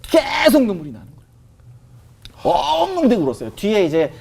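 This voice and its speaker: A man's voice: high voice, huge pitch swings, moderate pace, creaky, a little mellow, slight background noise. A man animatedly recounting a personal religious experience as a guest, emotional and full of fillers. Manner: emotional, vivid retelling with many fillers. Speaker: guest sharing a testimony.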